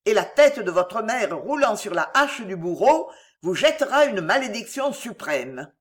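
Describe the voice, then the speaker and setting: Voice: medium pitch, big pitch swings, unhurried. A reader voicing a proud, fierce aristocratic mother who speaks in a fiery, declamatory way. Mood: fierce, urgent.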